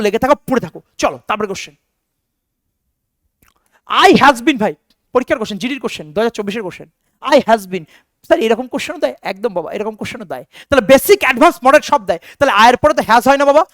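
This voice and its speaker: A man's voice: high-pitched, fairly bright tone, dry recording, studio quality. A man teaching an online exam-prep lesson, drilling answers with repeated questions and calling his students "বেটা".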